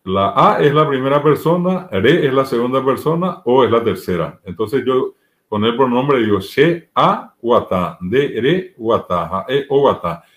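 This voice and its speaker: Paraguayan man, mid-pitched, patient teacher explaining grammar with examples, interview setting. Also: expressive, measured pace. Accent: Paraguayan Spanish. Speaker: Guarani language teacher.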